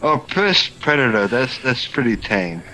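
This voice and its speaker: A man's voice: mid-range voice, very animated, measured pace, bright, forceful tone, faint music behind, poor audio. A man in casual, profane chat in a VR game, ranting and teasing others. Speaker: VR social game player. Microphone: VR headset mic.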